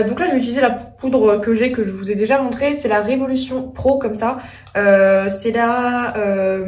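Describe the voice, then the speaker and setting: A woman's voice: on the high side, darkish tone. A woman doing a casual makeup tutorial, chatting as she goes with lots of hesitant fillers. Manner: chatty, frequent filler "euh", thinking aloud. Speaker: beauty vlogger. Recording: echoey room, voice a bit far from mic.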